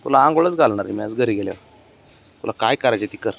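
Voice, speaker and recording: A young man outdoors talking to his pet cat in doting baby talk, coaxing it along and scolding it gently. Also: lowish voice, animated, quick pace, creaky. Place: outdoors, in sun and shade.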